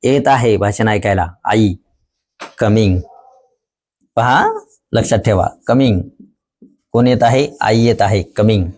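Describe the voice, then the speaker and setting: A man teaching students a memory trick, lively and repeating key words for emphasis. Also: lowish voice, slow pace, pauses often. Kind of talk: explaining a memory technique to students.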